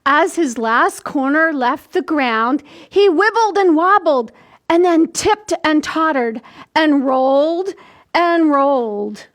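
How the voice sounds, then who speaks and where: In a small room indoors, a library storytime host in her sixties reads to young children and explains things in a simple, deliberate way. Her voice sits high with a fairly bright tone.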